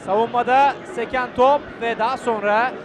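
A man giving live football play-by-play in clipped phrases, calling out players' names and shouting excitedly at chances. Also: extremely high pitch, normal speed. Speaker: football commentator. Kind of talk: live play-by-play match commentary. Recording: loud crowd and noise behind. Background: stadium crowd.

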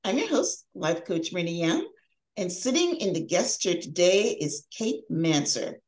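A woman's voice: on the low side, sing-song, unhurried, darkish tone, rough recording. A middle-aged woman hosting a podcast, reading an introduction with upbeat, emphatic delivery over a video call. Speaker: podcast host, life coach. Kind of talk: scripted introduction and interview. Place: home room, video call.

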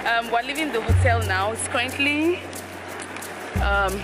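A young woman from Nigeria talks casually to her viewers, chatty and quick to laugh. Her voice sits high and she speaks at an unhurried pace. Loud music plays over the recording. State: out of breath. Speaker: vlogger. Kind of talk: casual travel vlog.

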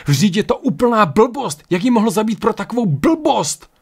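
A man's voice: medium pitch, lightly acted. A man voicing a shocked, hot-tempered young man who reacts with outraged outbursts.

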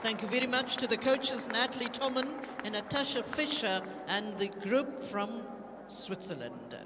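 High-voiced man announcing in a hall. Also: animated, noisy background. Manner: formal, measured announcing. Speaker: arena announcer. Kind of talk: public address announcing. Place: large indoor sports arena. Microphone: PA system heard through the hall. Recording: long reverb of a big sports hall.

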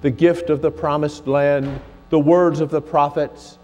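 A man in his sixties, a presiding pastor reciting communion prayer in a solemn, measured way in a large, echoing church. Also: a little high, flat delivery, dark tone, muffled recording. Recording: long cathedral-like echo, faint music.

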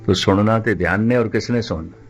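An older man giving a measured religious discourse, repeating phrases and slowing down to recite scripture. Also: on the low side, soft background music. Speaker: Sikh preacher giving katha.

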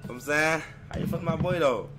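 Over noisy, humming stream call audio with a crowd behind him, a man hosts a dating game, giving slangy orders and repeating "bet" and "I'm saying." He talks at a moderate pace in a fairly high voice, casually running the group call.

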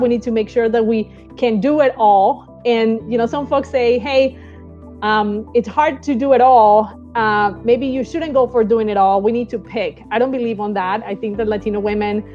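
A woman's voice: fairly high pitch, dark tone, dull audio. A woman in her thirties from Colombia, speaking English with a Colombian Spanish accent and Spanish as her first language, explaining eagerly as a space mission flight director on a video call through earbuds. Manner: eager, explanatory, tags lines with "right?". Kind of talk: recorded video interview. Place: small indoor room, seated in an armchair. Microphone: wired earbud mic on a video call.

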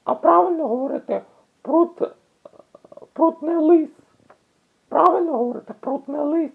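A woman explaining word usage in a casual video, halting often with restarts and drawn-out fillers. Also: high voice, creaky. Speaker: language explainer. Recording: tinny phone-like audio.

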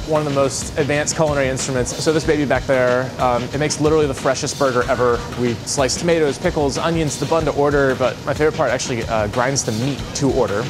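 A man's voice: medium pitch, steady tone, quick pace, hardly any pauses, music in the background. Enthusiastic man explaining his restaurant. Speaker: restaurant founder. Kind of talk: interview. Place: restaurant with open kitchen.

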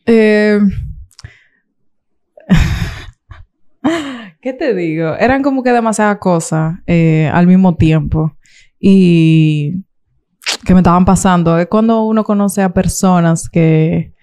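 Young Dominican woman, interview guest, casual and animated, Dominican accent. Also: fairly low pitch, slow, long pauses. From Dominican Republic. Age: young adult. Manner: animated, acts out quoted voices, laughs often. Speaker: guest YouTuber.

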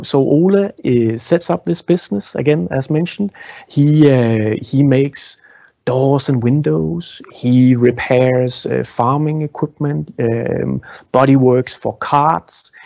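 A man's voice: medium pitch, gravelly, a little mellow. A man, guiding a live museum tour with many fillers and restarts, on a lapel mic in an exhibition hall. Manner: halting, many fillers and restarts, gestures while talking. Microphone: clip-on lapel mic. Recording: dull lo-fi sound.

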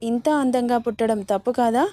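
A woman voicing a teasing, possessive young man in a spoken romance story, in a playful, gently possessive manner. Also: a little high, normal speed, no room sound, studio quality, natural voice.

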